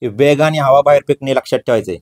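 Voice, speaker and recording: A man's voice: mid-range voice, fast, darkish tone. A man teaching an exam-prep grammar lesson, firing questions at his students and answering them himself, repeating key words.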